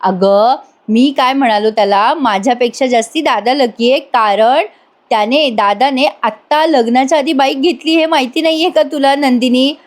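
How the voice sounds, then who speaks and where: A woman's voice: sits high, normal speed, natural voice. A woman voicing a playful young husband who teases and coaxes his wife. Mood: teasing. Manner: teasing, coaxing.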